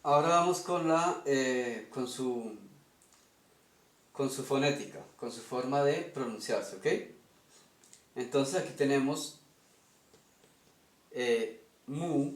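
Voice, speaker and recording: A man's voice: mid-range voice, takes it slowly, long pauses, echoey room. A man with a Colombian Spanish accent teaching a lesson step by step, stopping often to ask "ok?". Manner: methodical, checks in with "ok?". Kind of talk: explaining an invented language at a whiteboard.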